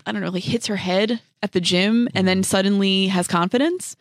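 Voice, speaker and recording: A woman's voice: medium pitch, steady tone, normal speed, no room sound, studio quality. A woman co-hosting a casual movie podcast, chatty and hedging with fillers. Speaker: podcast co-host.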